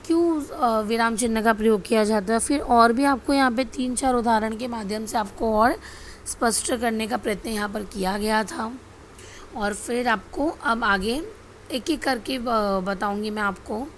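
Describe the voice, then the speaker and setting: A woman with a somewhat high voice gives a grammar lesson, pointing the listener to examples on the screen. She repeats points and asks questions she then answers. A faint hiss sits behind her. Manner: repetitive, asks rhetorical questions and answers them. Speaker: teacher. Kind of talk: Hindi grammar lesson over slides.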